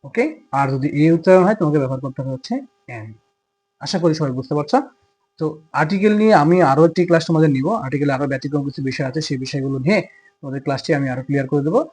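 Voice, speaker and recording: A man teaching in a husky, somewhat high voice with a Bangladeshi accent. He talks fast and explains each step by asking a question and answering it himself, like a teacher in front of a class. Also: a little mellow. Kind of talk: classroom grammar lesson.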